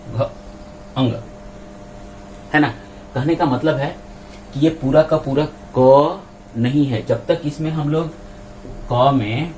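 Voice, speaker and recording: A male teacher giving a grammar lesson, spelling out sounds one at a time in a slow, deliberate way. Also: medium pitch, darkish tone, slight background noise, low-quality recording. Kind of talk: grammar lesson explaining on a board.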